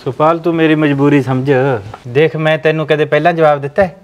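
A man with a Malwai Punjabi accent plays a patient village husband who pleads with his angry wife and tries to calm his mother. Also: fairly high pitch, fast, close to an everyday voice. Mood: pleading. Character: soft-spoken, pleading village husband and landowner. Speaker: husband in a village family drama. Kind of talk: amateur village drama acting.

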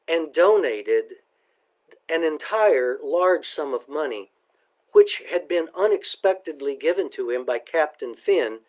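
Man doing a library book talk, reads passages, slow and deliberate, voice a bit high. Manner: slow, deliberate, measured delivery. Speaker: book discussion presenter.

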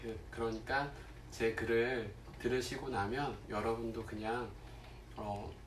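A man chatting casually to viewers as a livestream host, haltingly, with long pauses and murmured asides. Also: medium pitch, steady tone, a little hiss or hum. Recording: roomy echo, distant mic, faint music.

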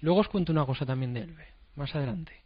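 A man's voice: a little high, fast talker, breathy edge. A man, a podcast co-host telling personal anecdotes in casual chat, with frequent hesitations. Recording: dull lo-fi podcast audio.

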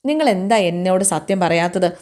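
A woman's voice: fairly low pitch, animated, brisk, darkish tone, lightly acted. Woman reading a pleading, upset little girl. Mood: insistent. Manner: pleading, insistent questions.

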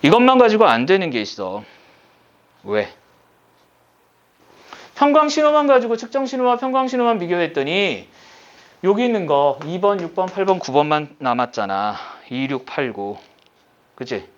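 A man teaches a recorded lesson in a fairly high, lively voice that swings up and down. He keeps checking in with quick questions as he works through a problem step by step. The recording sounds dull and lo-fi. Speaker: high school Korean teacher.

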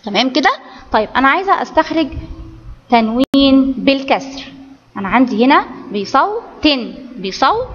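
A woman's voice: high-pitched, big pitch swings, fairly quick, pauses often, big-room sound, highs cut off, slight background noise. A woman with an Egyptian accent teaching children Arabic grammar, explaining step by step and often checking that the class follows. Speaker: primary school Arabic teacher. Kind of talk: online grammar lesson for children.

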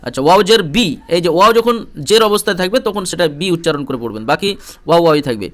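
A male Quran reading teacher who patiently spells out Arabic syllables and repeats each drill in a slow recitation lesson. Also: high voice, big pitch swings. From India.

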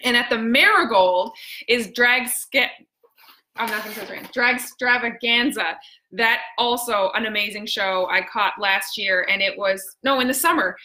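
A woman's voice: a little high, moderate pace, pushed and bright. A woman with a Newfoundland accent hosting a casual live stream, chatty and exclamatory, with plenty of slang. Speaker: host.

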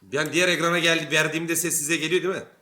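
A man streams himself reacting to clips, joking and crude as he talks to his viewers. His voice is bright and cutting, a little higher than usual for a man. The room around him is echoey. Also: little pitch movement, racing. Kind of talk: casual reaction commentary.

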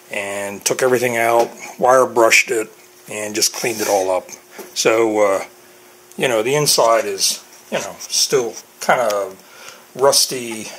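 This low-quality recording, with slight background noise, captures a middle-aged man at medium pitch casually showing his boat projects in a home garage workshop indoors. His vlog-style talk is relaxed and meandering, with frequent fillers and restarts.

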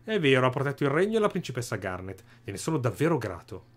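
A man's voice: mid-range voice, sing-song, quick pace. A man voicing a stiff, pompous knight captain who barks his orders. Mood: stern. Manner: barking, self-important.

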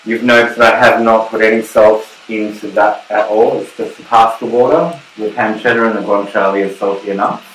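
In a fairly low, slightly bright voice with fairly even intonation, a middle-aged host runs a casual home-kitchen cooking demonstration, chatting briskly with few pauses as he shares tips at the stove. There's a bit of hiss or hum, echo, and the clatter of pans and cutlery.

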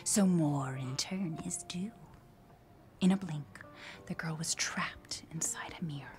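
An actress playing a guarded young mother in a video game, reading a dark fairy tale in a soft, hushed voice. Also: low voice, a little slow. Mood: hushed storytelling. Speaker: game character. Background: music.

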